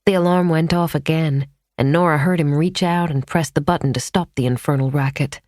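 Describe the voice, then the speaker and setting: Low-voiced woman narrating a thriller. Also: darkish tone, no room sound. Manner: measured, tense storytelling. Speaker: audiobook narrator. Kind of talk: scripted narration. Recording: dry studio audiobook.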